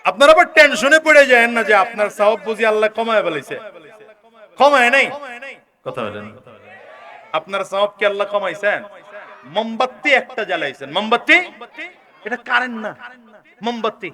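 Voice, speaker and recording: High, bright-voiced preacher man. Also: expressive, a little fast. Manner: calls on the crowd to answer loudly, swings between shouting and low asides. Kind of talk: sermon. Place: large gathering with a crowd.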